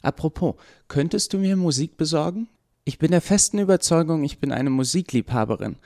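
A man's voice: a little high, animated, fairly quick, gravelly, darkish tone, voice pushed up. A man doing a blunt, curious young woman. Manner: direct, puzzled questioning.

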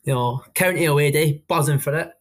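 A young man with a Scottish Highland accent co-hosts a podcast, chatting briskly about football. His style is colloquial and matey, full of storytelling.

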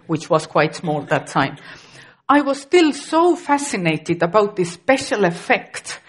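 A middle-aged Estonian woman, a native speaker with an Estonian accent, preaches a sermon carefully, restarting now and then. Her voice is fairly low.

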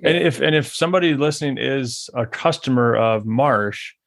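A man hosting a podcast interview, talking in an easygoing, halting way with frequent restarts. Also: medium pitch, gravelly, a bit bright. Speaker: podcast host. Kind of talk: casual interview chat.

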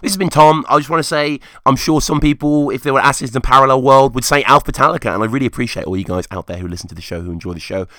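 A man hosting a music podcast solo, rambling casually and enthusiastically in a rusty, croaky, hungover voice. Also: mid-range voice, very fast, few pauses, a bit bright, dry recording. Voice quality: rusty, hoarse voice. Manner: enthusiastic, informal.

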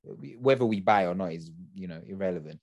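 A man's voice: deep voice, lively intonation, quick pace, vocal fry, darkish tone, no echo, studio quality. A young man, hosting a podcast in casual, slangy chat. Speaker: podcast host.

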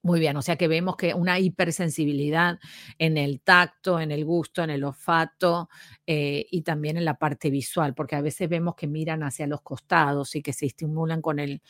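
A woman hosts a program in a low, fairly even voice at a normal pace, recorded with studio quality and no room sound. In this explanatory talk-show lesson, she patiently works through a list of points, counting them aloud and often checking in with her listener with a repeated "¿sí?".

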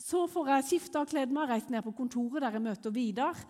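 A Norwegian woman preaches in a large meeting hall. She tells a personal testimony with animated storytelling. Her voice sits somewhat high, and a long reverb trails after it. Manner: animated storytelling, quick rises when excited.

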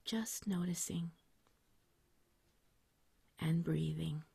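A woman acting as a meditation guide speaks like a sleep story narrator. Her lowish voice is soft, whispery and breathy, gentle, soothing and unhurried, with no echo.

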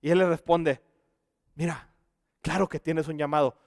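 A man preaching a sermon with earnest delivery, swinging between loud emphasis and hushed passages. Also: a little high, fairly even intonation, normal speed, creaky, no room sound, studio quality, big-room sound.

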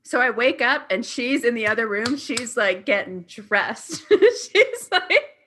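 A woman's voice: on the high side, a little slow, pushed and bright, a little hiss or hum. A woman co-hosting a chat show, telling a trip story in a laid-back way, swearing freely.

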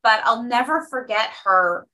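Chatty laughing woman, bright distant voice. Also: on the high side, a little slow. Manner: chatty storyteller, laughs often. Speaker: podcast host. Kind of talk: casual conversational interview.

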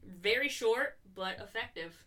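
A woman co-hosts in loose, profane chat, her voice bright and edged. She leans sarcastic and laughs a lot. She sits a little back from the microphone, so the sound is slightly distant. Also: on the high side, lively intonation, a little slow. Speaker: podcast co-host reviewing wrestling. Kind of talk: casual chat.

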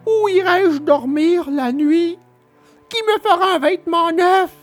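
A woman voicing a tearful, impulsive wooden puppet boy in a storybook reading, with a high, pleading voice. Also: slow, soft background music. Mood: grieving.

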